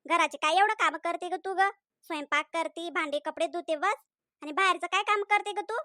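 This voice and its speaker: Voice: very high-pitched, a little fast, bright, forceful tone, no room sound, clean studio sound. A performer voicing a bossy older grandmother in a cartoon, scolding her son and mocking her daughter-in-law. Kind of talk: cartoon voice acting.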